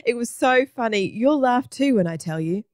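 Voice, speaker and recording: A woman's voice: mid-range voice, animated, moderate pace, darkish tone, no room sound, studio quality, voice pushed up, lightly acted. A woman voicing a young boy in a storybook who can't stop laughing, speaking eagerly. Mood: excited. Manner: giggly, eager.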